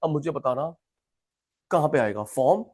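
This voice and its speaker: Guy teaching economics, high voice, keeps repeating stuff and calling on students. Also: lively intonation, normal speed, a little mellow. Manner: chatty, repetitive, addresses students by name. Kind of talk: classroom lecture.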